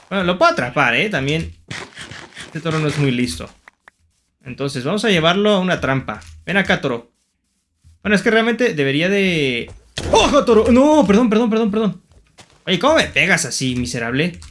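Guy gaming, high lively voice, yelling and taunting mobs, bit of hiss. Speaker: gaming YouTuber. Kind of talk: Minecraft gameplay commentary.

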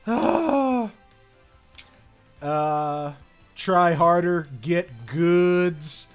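Male streamer, high and bouncy delivery, easygoing pace, laughs a lot and reads chat. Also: very slow, faint music behind. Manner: excitable, laughs often, reads viewer comments aloud. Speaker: streamer host. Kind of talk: casual gaming stream chat.

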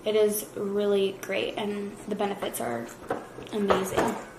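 A woman's voice: medium pitch, monotone, a little slow, echoey room, very noisy. A young woman vlogging casually at home, chatty and full of fillers, nauseous and tired. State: nauseous, worn out. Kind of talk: casual vlog chat. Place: home kitchen.

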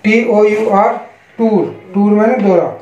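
Slow, high-voiced Indian English teacher. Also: male voice, a little mellow. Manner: spells words letter by letter, then gives Hindi meanings; slow, deliberate, repetitive teaching. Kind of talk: online English pronunciation lesson. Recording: echoey, dull lo-fi room.

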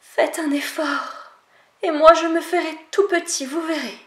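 Une femme fait la voix d'un renard rusé à la voix doucereuse, qui cherche à convaincre. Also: female voice, high-pitched, steady tone, measured pace, fairly bright tone, roomy sound, pitched above the performer's own voice. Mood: wheedling. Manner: honeyed, coaxing. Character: sly, sweet-talking male fox.

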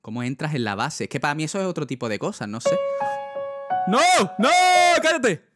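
A man's voice: medium pitch, animated, rapid-fire, soft background music. A young man with a Spanish accent chatting casually on a livestream, rambling with lots of fillers and talking straight to his chat. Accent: Spain. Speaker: streamer.

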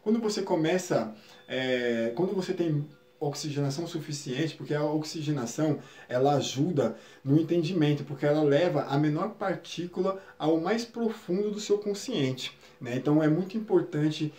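A man guides listeners through a spiritual lesson in a calm, explanatory way, often checking in with short tag questions. His voice sits a little high but sounds mellow and soft-edged. The room around him is noticeably echoey. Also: moderate pace. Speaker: spiritual teacher. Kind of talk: live-stream spiritual lesson.

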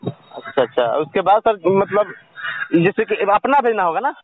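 Over a tinny, dry phone line, a young adult man sits high in pitch and sounds animated at a normal speed, with no echo. He's casually calling about selling an old coin, hesitant and asking lots of questions.

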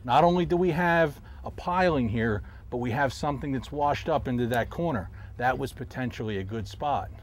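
A middle-aged man, a professional angler, calmly explaining his technique while fishing from a boat on a river, recorded outdoors on a lapel mic. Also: medium pitch, moderate pace, hardly any pauses. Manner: calm, explanatory, talks while casting. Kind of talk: instructional fishing commentary. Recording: faint outdoor noise.

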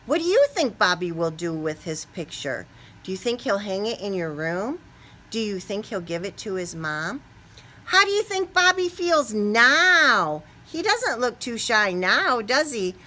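A middle-aged American kindergarten teacher leads a read-aloud in a small indoor classroom, speaking playfully to young children. Her voice is mid-range and her pace measured. She stays animated, throwing out exaggerated questions and reactions the way one does with small kids.

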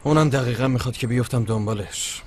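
A man's voice: mid-range voice, a little hiss or hum, close to an everyday voice. A man dubbing a sulky, stubborn young man in a TV comedy drama, curt and subdued.

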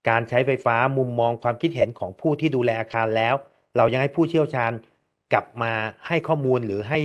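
A man of middle pitch lectures in a steady, polite way, stepping through numbered points and pausing often with fillers. The recording is a little dull and lo-fi. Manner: polite, methodical, frequent hesitation fillers. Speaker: engineering lecturer. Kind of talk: technical lecture presentation.

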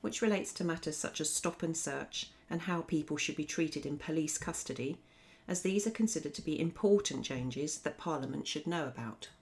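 Low-voiced woman teaching law revision. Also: moderate pace. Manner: clear, methodical explaining. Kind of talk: scripted revision lesson narration. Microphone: voice-over.

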